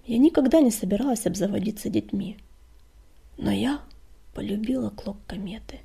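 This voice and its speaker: A woman's voice: medium pitch, moderate pace, warm tone. A woman reading the part of an old grieving female medicine cat from a storybook, in a whisper. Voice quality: whispered, breathy.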